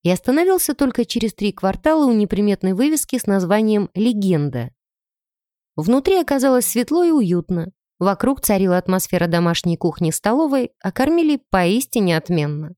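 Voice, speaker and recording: A woman narrating a first-person audiobook in an expressive storytelling manner. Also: medium pitch, a little fast, hardly any pauses, no echo, clean studio sound.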